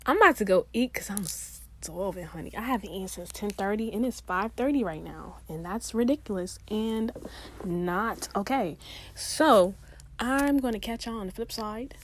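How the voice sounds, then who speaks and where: A woman's voice: mid-range voice, lively intonation, normal speed, a little hiss or hum. A young woman hosting a solo podcast in casual chat, playful and self-mocking, often trailing off mid-thought. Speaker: podcast host.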